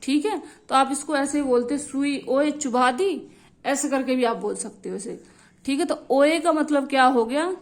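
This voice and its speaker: High-voiced woman teacher drilling a lesson. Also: normal speed. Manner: repetitive, drilling phrases, frequent checks like "theek hai".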